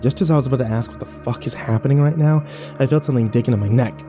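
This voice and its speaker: Voicing a battered, sarcastic young man, a man narrates his own horror audio drama with tense, wry, sweary self-deprecation. He speaks very fast in a natural, mid-range voice over background music.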